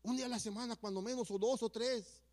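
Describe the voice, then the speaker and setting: A man tells his church testimony in his fifties' voice, pitched unusually high for a man. He speaks earnestly, dropping to a hush at some moments and pressing hard with emphasis at others. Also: fairly even intonation, quick pace. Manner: earnest, swings from hushed to emphatic. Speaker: church member giving testimony. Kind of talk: personal testimony storytelling.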